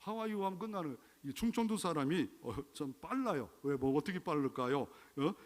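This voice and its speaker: A male pastor from Chungcheong, Korea, delivers a sermon in a slightly high voice. He drives his points home with rising, emphatic exclamations and keeps asking the congregation rhetorical questions. A long reverb trails behind every phrase. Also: lively intonation, moderate pace. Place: church sanctuary.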